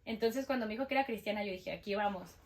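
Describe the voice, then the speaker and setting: A woman's voice: medium pitch, fast talker, heavy background noise. A young Mexican woman with a Mexican accent, telling a personal story in a casual interview and acting out what people said. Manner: lively, acts out quoted dialogue. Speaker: guest sharing testimony.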